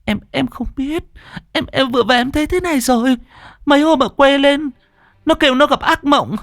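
A man's voice: very high voice, normal speed, fairly bright tone, no room sound, clean studio sound, pitched above the performer's own voice. A male narrator voicing a frightened young woman who stammers in panic. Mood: panicked.

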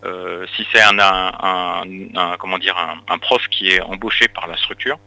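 A man's voice: low-pitched, steady tone, normal speed, gravelly, pushed and bright, no room sound, rough recording. A man interviewed on radio as an association president, explaining at length with many hesitations and restarts.

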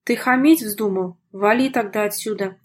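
A woman reading a sullen young man who is quick to anger in an audiobook scene, loud and rude, with lines that come out forceful and combative. Her voice has a husky, breathy grain. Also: mid-range voice, natural voice. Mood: hostile. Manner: shouting, rude, aggressive.

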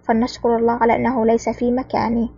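A woman reading the lines of a calm, cool-headed male spy hero in an audiobook, speaking firmly and wryly. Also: on the high side, fast, vocal fry, husky, no echo, muffled recording. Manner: calm, firm, wry.

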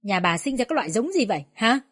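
A woman voicing a furious older village woman who shouts and curses shrilly. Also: on the high side, sing-song, fast, no room sound, clean studio sound.

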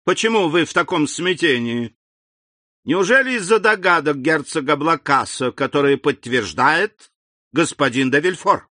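Guy reading as an angry old king barking orders, pitched way up, dry close sound, storybook read. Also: animated, normal speed, no echo. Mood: imperious. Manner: commanding, sharp outbursts. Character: indignant aging King Louis XVIII, imperious and frightened.

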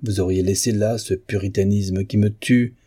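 A man's voice: lowish voice, steady tone, moderate pace, dark tone, husky, no room sound, clean studio sound. A man reading the part of an ambitious young wife who speaks with bitter reproach, in an audiobook of a novel.

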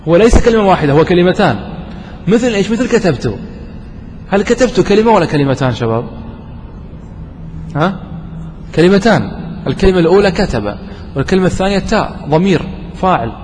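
A man teaching a grammar lesson, quizzing his students and slowing down to stress key terms. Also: high voice, expressive, darkish tone. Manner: asks students questions and answers them himself. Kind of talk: classroom lesson. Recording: distant voice with long reverb and faint noise.

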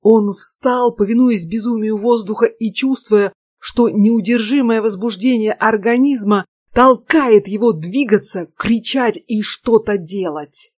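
A woman narrating an audiobook in a measured, steady way. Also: mid-range voice, no room sound. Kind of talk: scripted narration.

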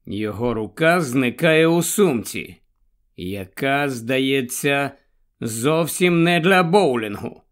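A man narrating a story aloud in a measured, unhurried way. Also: mid-range voice, lively intonation. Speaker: audiobook narrator. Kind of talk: scripted narration.

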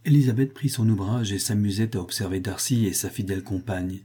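A man reading a classic novel aloud as an audiobook narrator, in a steady, even manner. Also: lowish voice, fairly quick, breathy edge.

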